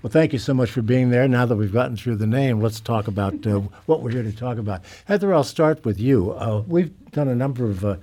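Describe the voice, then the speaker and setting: A man hosting a radio studio interview, relaxed and chatty, laughing easily with his guests. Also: medium pitch, fairly quick, hardly any pauses. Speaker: radio show host.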